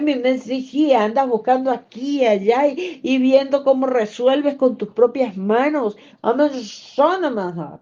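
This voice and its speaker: A woman preaching and praying with fervent repetition, her words slow and deliberate. Her voice sits a little high but sounds dark and mellow. The recording is dull and lo-fi. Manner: fervent, repetitive, slips into tongues and speaks as God. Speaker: preacher leading a fast. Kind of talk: prayer and prophetic preaching.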